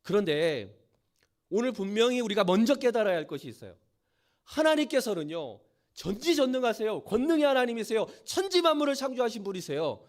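A male pastor preaching a sermon, asking his congregation rhetorical questions and retelling scripture in lively plain speech. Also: sits high, fairly quick.

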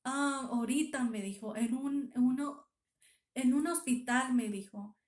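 A woman in a casual, emotional vlog, retelling what others said to her line by line. Her voice sits a little high. The room around her gives the sound a noticeable echo. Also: unhurried, a little mellow. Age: 30s. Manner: emotional retelling, quoting others with constant "me dijo". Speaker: vlogger.

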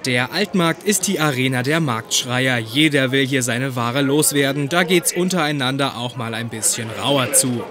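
A man's voice: medium pitch, moderate pace. A man reading scripted narration for a light local television feature as its reporter. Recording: busy market crowd behind voice-over.

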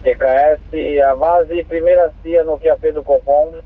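A man's voice: on the high side, steady tone, moderate pace. A man with a Brazilian accent working as a police radio dispatcher, formally and courteously reading out codes and numbers over two-way radio. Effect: two-way radio transmission. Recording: tinny narrow-band police radio.

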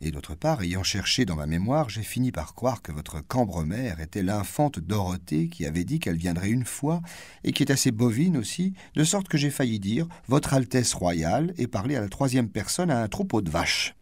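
A man doing a cutting, witty high-society duchess. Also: lively intonation, a little mellow, no echo, clean studio sound. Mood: mocking. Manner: mocking, theatrical, rapid-fire wit. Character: witty, cutting aristocratic duchess, middle-aged woman.

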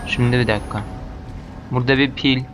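A man with a Turkish accent commenting on a horror game as he plays, muttering to himself and breaking into panicked shouts when chased. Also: mid-range voice, fairly even intonation, fairly quick, background noise. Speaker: gamer.

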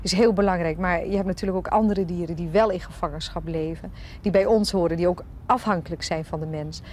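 A woman's voice: on the low side, steady tone, fairly quick, a little mellow, a little hiss or hum. A woman caring for seals, giving an earnest, thoughtful interview answer.

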